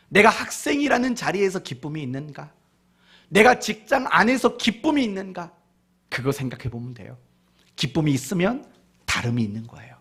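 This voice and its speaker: A male pastor preaching a sermon, questioning the congregation directly and mixing in humorous family stories, going from loud to hushed. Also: high-pitched, gravelly, slightly rough. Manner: mixes in humorous family anecdotes.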